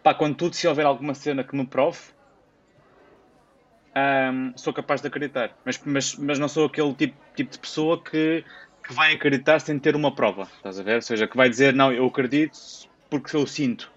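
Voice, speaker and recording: A man's voice: mid-range voice, a little fast, fairly bright tone. A young man from Portugal with a European Portuguese accent, chatting casually and rambling with many fillers. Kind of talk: casual chat. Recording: dull lo-fi sound.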